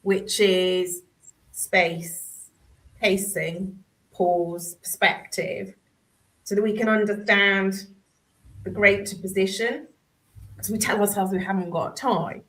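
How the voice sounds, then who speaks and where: A woman's voice: medium pitch, steady tone, takes it slowly, pauses often, fairly bright tone, poor audio. A woman hosting a reflective conversation over a video call, thinking aloud and searching for her words. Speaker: host.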